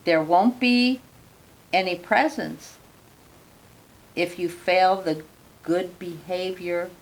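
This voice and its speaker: A woman's voice: on the low side, takes it slowly, poor audio. A grandmother reading as a kind, firm little Christmas elf. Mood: instructive. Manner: gently instructive, storybook reading. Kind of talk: storybook reading.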